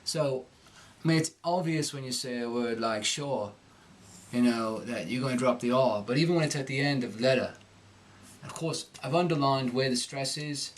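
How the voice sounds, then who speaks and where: A man's voice: mid-range voice, normal speed. A man giving a conversational, explanatory pronunciation lesson as a coach. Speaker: accent coach. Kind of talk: instructional lesson with pronunciation demonstrations.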